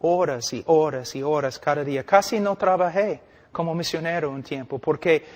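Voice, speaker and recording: A middle-aged man preaching a sermon with passion, swinging between loud declarations and hushed emphasis, full of rhetorical questions. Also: on the high side, normal speed. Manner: rhetorical questions and vivid storytelling. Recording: long reverb of a large hall.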